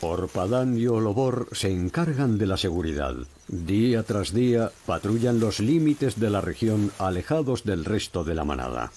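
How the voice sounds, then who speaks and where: A man narrating a nature documentary in a measured, dramatic storytelling manner. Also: lowish voice, expressive, a little mellow, a little hiss or hum. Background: background music.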